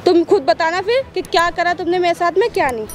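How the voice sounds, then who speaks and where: A woman's voice: very high-pitched, fast talker, slight background noise. A young woman in a staged social drama, arguing insistently and repeating herself in an outdoor park. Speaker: sister-in-law in a staged park confrontation.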